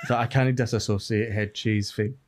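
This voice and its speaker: A man's voice: on the low side, fairly even intonation, normal speed, slight background noise. Blunt swearing man in casual chat. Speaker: podcast co-host.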